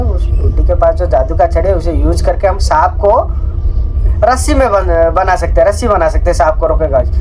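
A man's voice: high voice, background noise. A man giving casual gameplay commentary who keeps talking to his viewers and yelps and repeats words when startled. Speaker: gaming channel host. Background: horror game music.

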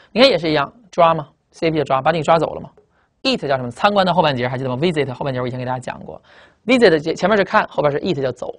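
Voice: mid-range voice, gravelly. A teacher giving a classroom vocabulary lecture at a board, emphatic, asking rhetorical questions and spelling words out letter by letter. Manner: spells out letters and drags out target words slowly.

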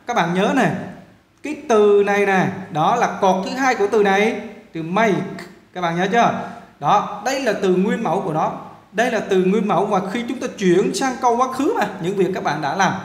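High-voiced Vietnamese-accented male teacher. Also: reverberant. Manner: repetitive, coaxing, checks in often with the viewers. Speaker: English teacher. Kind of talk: casual classroom lesson.

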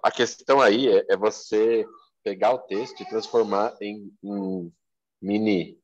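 A man, explaining exam questions in a lively discussion with examples and asides. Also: fairly low pitch, a little slow, highs cut off. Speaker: exam prep instructor.

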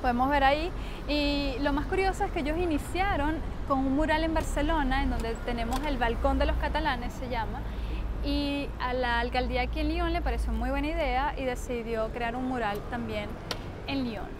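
A young woman from Venezuela speaks in a high voice, chatty and keen as she explains the sights. She is recorded outdoors on a lapel mic, with clear street noise and passing cars behind her. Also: moderate pace. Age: young adult. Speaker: interviewee, tour guide. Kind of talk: casual outdoor interview.

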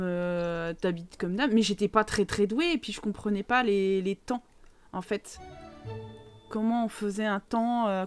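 A young French woman chatting casually with her live chat while playing a life-simulation game, rambling with many fillers. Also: mid-range voice. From France. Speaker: streamer.

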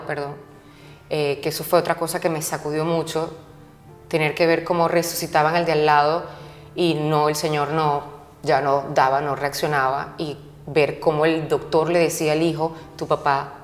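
A woman guest talking candidly in an interview, stressing points by repeating her words. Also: deep voice. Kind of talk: candid conversational storytelling. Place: interview set. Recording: roomy reverberant room, faint music.

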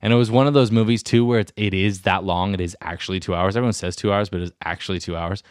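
A man's voice: deep voice, fairly even intonation, quick pace, smooth, no room sound, studio quality. A young man hosting his own podcast, rambling and self-deprecating in a casual solo chat. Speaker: podcast host. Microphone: studio mic with headphones.

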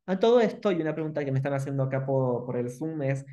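A man with a Rioplatense Spanish accent teaching an online masterclass, animated and repeating questions with emphasis. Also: mid-range voice, fast talker, lo-fi sound.

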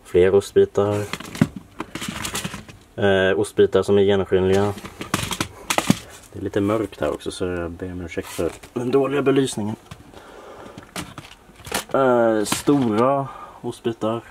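Low-voiced man giving a relaxed tour. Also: pauses often, background noise. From Sweden. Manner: relaxed, listing parts with many fillers. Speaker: Lego collector showing his workshop. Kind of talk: casual room-tour narration. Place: home workshop room, dim lighting.

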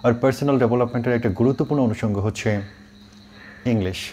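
A middle-aged man who teaches English, explaining pronunciation and spelling words out slowly, mixing English words into his talk. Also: mid-range voice, warm tone, a little hiss or hum. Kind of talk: online pronunciation lesson.

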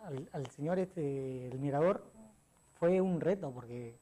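A man's voice: fairly high pitch, measured pace, mellow. A middle-aged man with a Peruvian accent, a sports columnist telling rambling stories as a guest in a casual interview, full of fillers and restarts. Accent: Peruvian Spanish. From Peru.

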